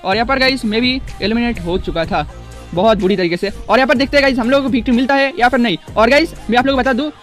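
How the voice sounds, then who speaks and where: High-pitched excitable young gamer man. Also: faint music behind. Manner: excitable, repeats words rapidly. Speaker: gaming YouTuber. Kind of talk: casual gameplay commentary.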